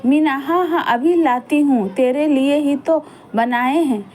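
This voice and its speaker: A woman's voice: high voice, unhurried, a little mellow. A woman voicing a harsh, cruel village stepmother who scolds and sneers at her stepchildren. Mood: scornful.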